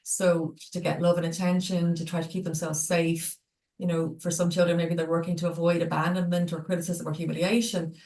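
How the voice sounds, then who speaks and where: A woman speaking as a clinical psychologist guest in a webinar discussion, explaining in a measured way over a video call. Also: fairly low pitch, level tone, a little mellow. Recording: echoey room, distant mic.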